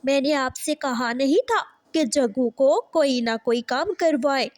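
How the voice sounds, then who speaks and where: A woman's voice: high voice, measured pace, no echo. Woman playing a stern, reproachful sparrow. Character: wise, stern female sparrow neighbor.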